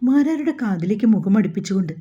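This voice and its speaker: Husky woman narrating a serialized story. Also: medium pitch, animated, quick pace, mellow, lo-fi sound. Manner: chatty, addresses listeners directly. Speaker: audiobook author and narrator.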